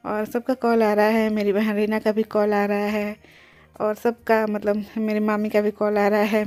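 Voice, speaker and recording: A young pregnant woman close to giving birth narrates her day in a chatty vlog, explaining things as she goes and mixing in English words. Her voice is mid-range with a somewhat dark tone.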